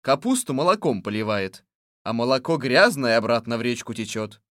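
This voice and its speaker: An actor playing a calm young man who reports news from inside a magic mirror. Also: mid-range voice, moderate pace, no room sound, clean studio sound, natural voice.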